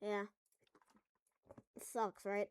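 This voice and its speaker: A woman's voice: mid-range voice, completely flat delivery, drawn-out words, clear, resonant tone. A woman at home making a casual coding tutorial, rambling through jokey asides as she works. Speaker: tutorial maker.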